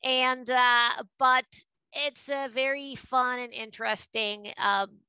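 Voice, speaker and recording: A woman in her forties from Venezuela, with a mix of Venezuelan and New York accents, talking lively in quick bursts as a podcast guest. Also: high voice, clean tone, no room sound, low-quality recording. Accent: Venezuelan Spanish mixed with New York. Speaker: podcast guest, art advisor. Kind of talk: casual interview talk.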